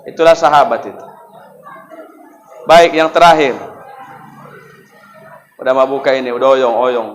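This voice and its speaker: A man preaching at a mosque gathering, telling stories lively and asking the congregation rhetorical questions. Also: medium pitch, measured pace, pauses often, slight background noise, low-quality recording. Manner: acts out quoted dialogue in shifting voices. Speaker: Islamic preacher. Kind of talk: sermon at a mosque fast-breaking gathering.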